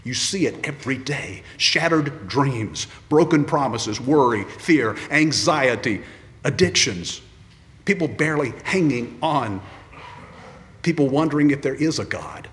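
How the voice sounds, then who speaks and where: A man's voice: mid-range voice, animated, unhurried, a bit bright. Male preacher, earnest ordination sermon, mid-range voice, long church reverb. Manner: earnest, repeats refrains, acts out quoted voices.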